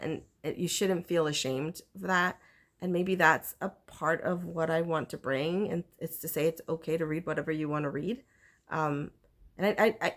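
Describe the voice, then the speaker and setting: A woman from Puerto Rico chatting casually to camera as a book vlogger, rambling with lots of fillers and restarts. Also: low-pitched. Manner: rambling, self-interrupting, many fillers. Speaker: booktuber.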